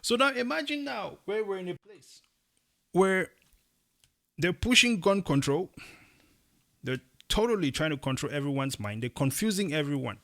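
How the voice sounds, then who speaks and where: Gravelly man talking emphatically. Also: high-pitched, moderate pace, long pauses. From Cameroon. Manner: emphatic, rising to animated bursts. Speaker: podcast co-host. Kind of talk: casual opinion chat.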